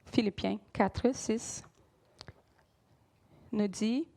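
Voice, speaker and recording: Prédicatrice brésilienne au ton engageant, voix de hauteur moyenne, sermon interactif. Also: female voice, medium pitch, very slow, creaky, warm tone. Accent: Brazilian. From Brazil. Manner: engaging, quizzes the congregation, repeats key words. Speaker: preacher.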